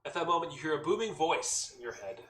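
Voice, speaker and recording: A man running a tabletop game as game master, describing scenes in a halting, descriptive way. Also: on the high side, sing-song, fairly bright tone. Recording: echoey room, mic at a distance, faint noise.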